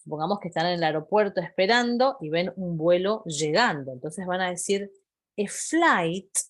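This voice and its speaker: A woman's voice: on the low side, a little fast. A woman teaching English vocabulary, patiently repeating phrases and checking in with her students. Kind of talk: explaining vocabulary to a class.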